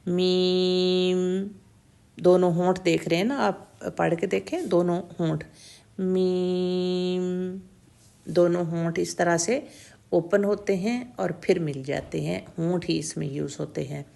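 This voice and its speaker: Woman teaching tajweed sounds, really gravelly low-ish voice, slow and patient, repeats every letter. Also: warm tone. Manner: mixes English words into Urdu, checks in with "theek hai?". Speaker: Quran recitation teacher. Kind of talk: tajweed pronunciation lesson.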